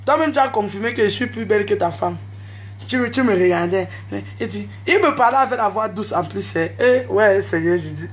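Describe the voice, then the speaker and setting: A woman, telling a story in an animated, unscripted rant to camera and mixing in street slang. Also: a little high. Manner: exclaims and calls out to others. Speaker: online video host.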